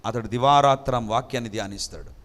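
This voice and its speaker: A man's voice: medium pitch, fast, a bit bright, in a large hall. A male pastor giving an emphatic sermon, full of rhetorical questions to his listeners and with English phrases mixed in.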